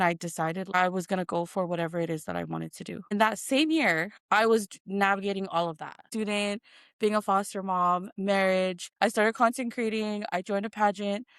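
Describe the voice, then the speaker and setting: This interview guest, a content creator and performer in her thirties with roots in Hawaii and American Samoa, tells personal stories casually and expressively. Her mid-range voice is smooth and slightly bright, captured in a dry, studio-quality recording.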